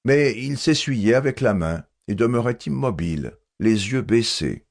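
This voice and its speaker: A man reading a classic novel aloud as an audiobook narrator, in a measured, expressive manner. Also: mid-range voice, vocal fry.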